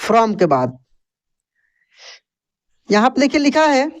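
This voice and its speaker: A man giving a spoken language lesson at a slow, unhurried pace. He spells every word out letter by letter and says it again and again. He poses a question to the learner and then answers it himself. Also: very high voice, sing-song, highs cut off. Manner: spells words letter by letter, repeats them, asks and answers his own questions. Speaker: English teacher.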